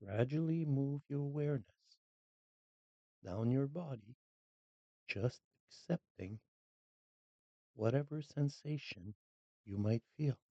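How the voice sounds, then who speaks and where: Speaking at a medium pitch, a meditation guide delivers short, scripted phrases very slowly and calmly, with long pauses between them for guided relaxation. The recording is dry and slightly dull, with no room sound.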